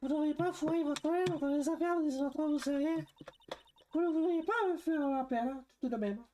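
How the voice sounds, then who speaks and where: Man doing a giggly flirty falsetto witness woman. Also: normal speed, dark tone, slight background noise. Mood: teasing. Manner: sing-song falsetto, teasing.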